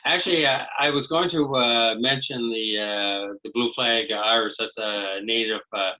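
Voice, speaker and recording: A man giving a webinar talk over a video call, speaking haltingly with many fillers and restarts. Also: medium pitch, fairly even intonation, bright, forceful tone. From Canada. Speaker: guest speaker. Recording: dull lo-fi video call audio.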